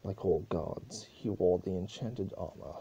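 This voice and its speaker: In an amateur dramatic reading of a scripted story, a man narrates in a low, warm voice at a measured pace, now and then stumbling over his words. The highs in the recording are cut off.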